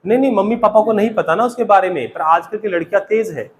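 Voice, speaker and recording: Male classroom teacher, keeps quizzing students; high-pitched. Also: fast, slight background noise, rough recording. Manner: quizzing students with repeated questions. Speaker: spoken English teacher. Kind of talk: classroom grammar lesson.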